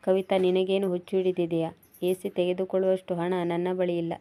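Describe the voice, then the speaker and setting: A woman voicing a husband in a storybook tale, a caring but short-tempered grown man, read in a flat manner. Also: fairly low pitch, brisk, natural voice. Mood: irritated. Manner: flat, read-aloud delivery. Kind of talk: storybook narration.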